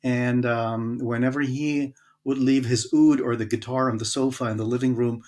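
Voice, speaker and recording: A man from Germany, a guest musician, telling his story in a relaxed, hesitant way with many fillers. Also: medium pitch, moderate pace. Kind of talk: casual interview storytelling.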